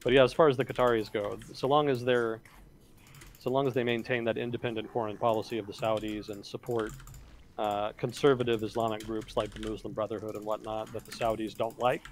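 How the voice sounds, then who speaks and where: A man co-hosting a casual livestream, explaining world affairs in a measured way with fillers and self-corrections. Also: lowish voice, level tone, slight background noise. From United States.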